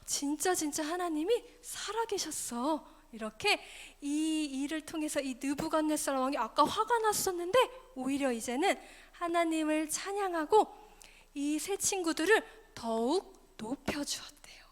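A woman's voice: high-pitched, moderate pace. A woman teaching a preschool Sunday school class, telling a Bible story with gasps, whispers and questions to the children. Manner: animated, gasping, dropping to whispers, questions to children. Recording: echoey hall with faint music.

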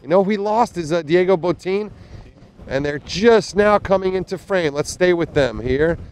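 A man in his thirties gives chatty, enthusiastic live commentary on a sailing race from a small motorboat out on open water, holding a mic with a fuzzy windscreen. His voice sits high and a little mellow at a moderate pace, full of fillers and restarts, with a little hiss or hum in the audio.

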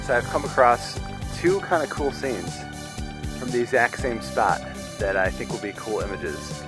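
A man's voice: medium pitch, normal speed, music in the background. A man in his thirties explaining his landscape photography as he hikes a desert mountain trail, filmed with a camera held at arm's length. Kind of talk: casual vlog narration while hiking.

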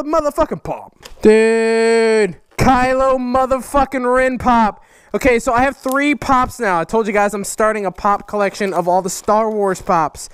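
A woman hosting a casual vlog, opening fan mail excitedly, swearing and laughing a lot. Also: fairly high pitch, clear, resonant tone, no room sound, studio quality. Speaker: motovlogger host.

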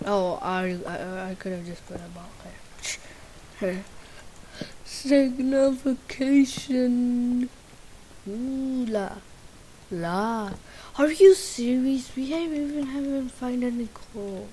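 A woman hosting a game channel, giving chatty let's play commentary that swings between muttered asides and sudden excited squeals. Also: medium pitch, slow, long pauses, a little hiss or hum, low-quality recording. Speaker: gaming channel host.

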